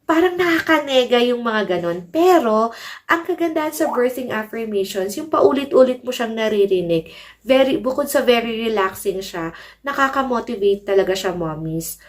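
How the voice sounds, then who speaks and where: A woman's voice: on the high side, animated, normal speed. A woman vlogger giving pregnancy tips in a chatty way, often calling her viewers "mommies.". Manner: chatty, addresses viewers as mommies, mixes English in. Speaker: parenting vlogger. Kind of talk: casual advice vlog.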